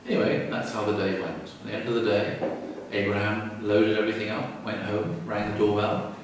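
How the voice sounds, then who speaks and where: A man retells an ancient story in a relaxed, humorous teaching style. His voice is low and picked up from some distance. The room echoes strongly and faint ambient noise sits behind him. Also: normal speed. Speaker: religious teacher. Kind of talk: storytelling lecture. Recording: echoey room, far from mic.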